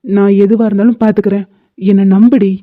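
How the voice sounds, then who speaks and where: A woman's voice: mid-range voice, fairly even intonation, fairly quick, lightly acted. A woman voicing a confident, protective young man in a cartoon drama, teasing and reassuring. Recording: dull lo-fi audio.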